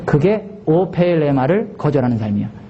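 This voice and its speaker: A male pastor delivering a Sunday sermon, emphatic, swinging between shouted exhortation and quiet conversational asides. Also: on the high side, big pitch swings, normal speed, muffled recording, a little hiss or hum. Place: church sanctuary.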